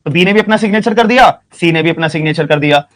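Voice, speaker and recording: A man teaching a law class, speaking slowly and repeating questions and answers so students can write them down, with phrases. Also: fairly high pitch, fairly bright tone. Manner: slow dictation, repeats questions and answers, frequent "ठीक है" checks. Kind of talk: classroom lecture.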